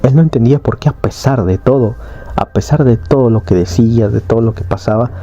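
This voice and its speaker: A man's voice: medium pitch, fairly quick, warm tone. A man narrating a story recap casually, loose and chatty with frequent fillers and tag questions. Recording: dull lo-fi recording.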